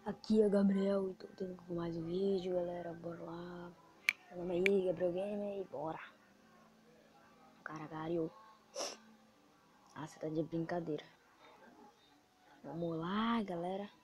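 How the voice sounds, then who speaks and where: A male gaming host with a Brazilian Portuguese accent, excitable and swearing as he comments on his gameplay. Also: sits high. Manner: excitable, swearing, quick to frustration.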